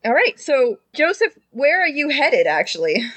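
A woman's voice: high voice, very animated, normal speed, a bit bright. A woman narrating a tabletop game as game master, casual and chatty. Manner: casual, chatty, laughs often.

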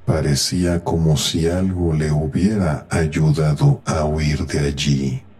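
Very deep-voiced man narrating horror slowly. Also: level tone, a little mellow, slightly rough. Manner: slow, grave storytelling delivery. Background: faint eerie background music.

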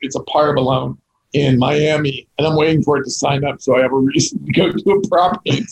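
A middle-aged or older man chatting casually as an interview guest, with a gravelly, raspy voice. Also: mid-range voice, fairly even intonation, a little fast, poor audio. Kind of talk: casual chat.

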